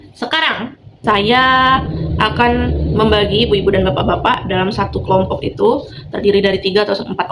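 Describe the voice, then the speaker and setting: A woman's voice: medium pitch, background noise. A woman running an online training session for primary school teachers, encouraging and mixing in English phrases. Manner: sings example lyrics slowly to a nursery tune. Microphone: video call.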